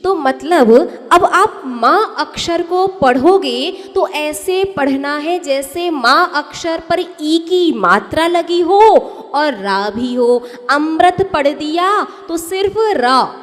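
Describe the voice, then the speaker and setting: A woman's voice: extremely high pitch, lively intonation, takes it slowly, long reverb tail. A woman teaching how to pronounce sacred verses, explaining step by step and putting questions to her listeners. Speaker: religious teacher. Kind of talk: explanatory lesson on recitation.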